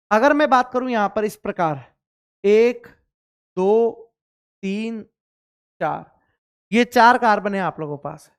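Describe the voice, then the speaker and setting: Guy teaching chem, smooth clear voice, keeps asking the class stuff and answering it himself. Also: very high voice, a bit bright. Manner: repeats each point and asks students questions, answering them himself; speaks for the student too, addressing himself as sir. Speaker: chemistry teacher. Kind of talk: classroom-style lecture.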